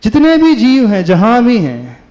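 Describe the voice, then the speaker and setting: A man, a Jain monk, delivering a devotional sermon, asking his listeners questions and chanting verses slowly. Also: very high voice, wildly swooping pitch, a little mellow. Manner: slow, asks the audience questions. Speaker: Jain monk giving a discourse. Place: hall with listeners. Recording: reverberant hall, dull lo-fi sound.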